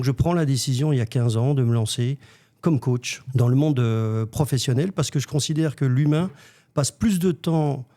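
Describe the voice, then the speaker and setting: A man in his fifties, a guest coach who grew up in Africa, recounts his path in a measured way. He builds his points in lists, and his mid-pitched voice sounds warm and mellow. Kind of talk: interview answers.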